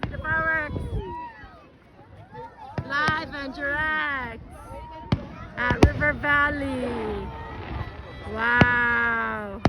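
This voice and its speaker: A woman's voice: fairly even intonation, extremely slow, pauses often. A woman vlogging outdoors at a riverside fireworks show on a handheld phone, exuberant and whooping often. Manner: exuberant, frequent high whoops and laughs. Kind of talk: excited casual vlog narration. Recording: loud fireworks bangs behind. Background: fireworks and city noise.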